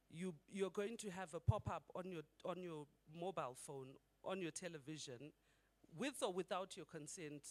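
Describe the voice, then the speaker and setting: A middle-aged man from Zimbabwe giving a conversational conference talk and putting rhetorical questions to the audience. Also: a little high. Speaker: conference speaker.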